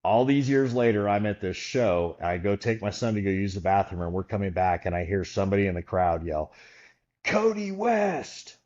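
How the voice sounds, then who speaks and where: A man's voice: sits low, fairly quick, hardly any pauses, dull audio. A man guest on a podcast, telling a long story casually and acting out the voices of the people in it. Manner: animated storyteller, acts out quoted voices.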